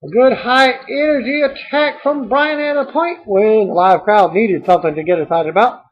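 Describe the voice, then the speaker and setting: High-voiced man reading a wrestling recap. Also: darkish tone, muffled recording. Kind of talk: read-aloud show recap.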